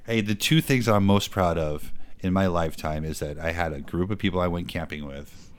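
A man's voice: low voice, brisk, clean tone. A middle-aged man, a podcast co-host, telling crude prank stories in casual chat. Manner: crude storytelling, joking.

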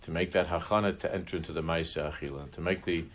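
A man teaching a religious class, telling a story in a halting way, often restarting his sentences. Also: low-pitched, fairly even intonation. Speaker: Torah teacher.

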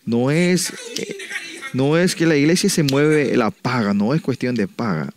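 A pastor preaching to his church in a voice of ordinary middle pitch for a man. He speaks in halting bursts, breaking off and restarting his sentences, and he tags nearly every thought with a questioning "no?" to check in with his listeners. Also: lively intonation. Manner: ends phrases with a questioning "no?" tag, halting restarts. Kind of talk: sermon.

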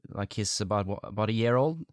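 A man's voice: fairly low pitch, expressive, a little fast, no echo, clean studio sound. A man hosting a casual podcast interview, talking in a tentative, rambling way. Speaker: podcast host.

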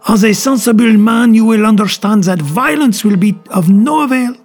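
A man voicing a calm, clever older male detective who speaks gently and precisely in a dramatic audiobook reading. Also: high-pitched, moderate pace, faint music behind. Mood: grave.

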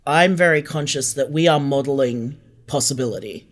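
Speaking at a moderate pace with a medium-pitched voice, a man reflects in an interview as a podcast guest and co-creator of an audio drama. He explains things sincerely, echoing his own phrases to stress them.

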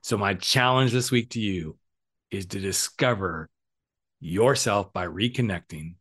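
Middle-aged male podcast host, solo show; lively storyteller who voices both sides of a chat, frank, swears now and then. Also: on the low side. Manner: animated storytelling, acts out both sides of conversations; casual and frank, occasional swearing.

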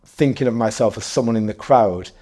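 A man in his forties from North East England, with a fairly low, warm voice and a brisk pace, is a guest in a casual interview. He rambles, corrects himself, and keeps breaking into laughter.

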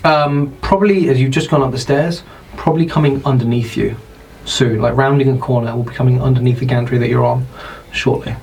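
A man with a British accent, narrating as dungeon master in an unhurried, descriptive way. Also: medium pitch, steady tone, a little mellow, low-quality recording. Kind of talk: narrating a tabletop game.

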